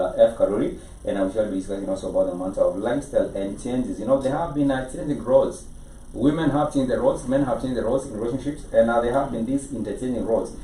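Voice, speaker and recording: A man with a Kenyan accent hosts a conversational entertainment interview in a studio, wordy and repeating phrases for emphasis. His voice is lowish and mellow. The recording has an echoey room, a distant mic, and background noise.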